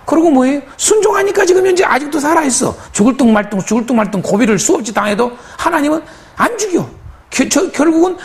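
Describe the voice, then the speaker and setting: A male pastor preaching a sermon, emphatic and repetitive, asking his listeners rhetorical questions. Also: very high voice.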